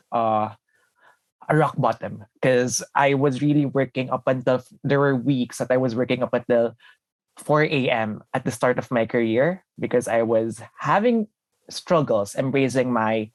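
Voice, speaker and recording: A man's voice: medium pitch, no room sound. A young man from the Philippines, a podcast guest talking earnestly about his life with many fillers and restarts. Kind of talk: casual interview talk.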